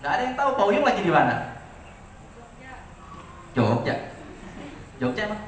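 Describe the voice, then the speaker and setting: A fairly high-voiced man in his forties gives a teacher's farewell speech, telling stories and tossing rhetorical questions to his students. He sounds distant from the mic, and the room rings with strong echo. Steady background noise sits under his voice. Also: moderate pace. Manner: lively storytelling, asks students rhetorical questions. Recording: echoey room, voice from afar, audible ambience.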